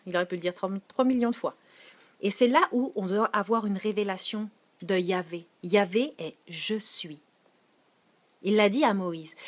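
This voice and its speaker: A woman with a Quebec French accent giving a casual, animated sermon, reading and answering viewers' comments as she goes. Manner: animated, switching to soft low tones for scripture. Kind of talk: informal live-stream sermon.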